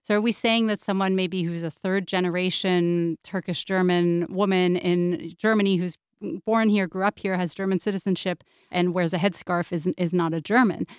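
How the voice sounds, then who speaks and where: A woman's voice: on the low side, steady tone, normal speed, hardly any pauses, smooth, no room sound, clean studio sound. A woman, a radio guest speaking in a thoughtful, conversational way. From United States. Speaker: guest, series producer. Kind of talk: radio interview discussion.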